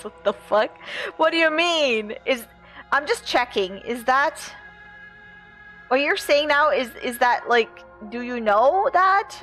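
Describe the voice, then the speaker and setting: Female game streamer: high, bright, slow-paced, expressive and sweary casual commentary. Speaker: livestreamer. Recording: game music behind the voice.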